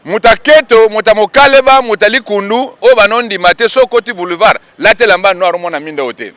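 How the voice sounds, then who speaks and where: Emphatic high, bright male reporter. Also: brisk, no echo. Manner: emphatic, rhetorical call-and-response. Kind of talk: on-the-spot news commentary. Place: outdoors at a public event.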